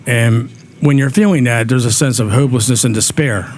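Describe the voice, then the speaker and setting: Fairly quick and a little dark in tone, this mid-range male voice belongs to a talk show guest. He speaks earnestly about community aid, often repeating himself as he thinks out loud, over faint background noise.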